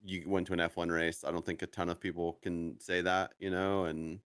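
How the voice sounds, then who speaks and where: A man's voice: low-pitched, little pitch movement, brisk, a bit bright, clean tone, no room sound. Easygoing young man, dry close sound. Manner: easygoing, short agreeing replies. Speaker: co-host. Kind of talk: casual chat.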